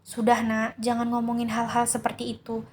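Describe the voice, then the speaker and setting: Woman as a firm, no-nonsense mom, slightly high voice. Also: completely flat delivery, normal speed, darkish tone, a little hiss or hum, lightly acted. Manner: firm, brushing off. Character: mother, firm and dismissive.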